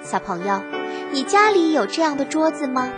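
High singsong woman, as if reading to a toddler. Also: very animated, music in the background. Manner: slow, repeats words for listeners to follow. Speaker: children's literacy teacher and narrator. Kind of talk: scripted lesson narration for small children.

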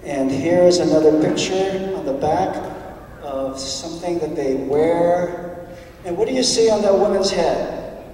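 Heard from far away in the echo of a large church hall, a man with a slightly high, mellow, unhurried voice tells the children a story and asks them questions. There is slight background noise.

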